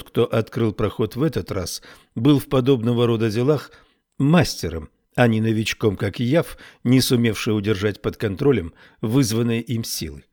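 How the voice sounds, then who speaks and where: A man narrating an audiobook in a measured, even reading voice. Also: mid-range voice. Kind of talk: scripted narration.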